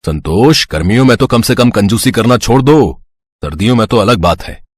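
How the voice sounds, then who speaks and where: An easygoing husband, voiced by a man in a cartoon, calmly talking his stingy wife round. His voice moves lively in pitch and sounds dry and close. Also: moderate pace, slightly rough, no room sound. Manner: calm, reasoning.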